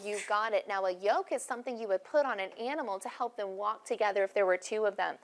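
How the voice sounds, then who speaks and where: A woman teaching a first-grade phonics lesson in a classroom, speaking slowly and clearly with encouragement. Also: mid-range voice, a little hiss or hum.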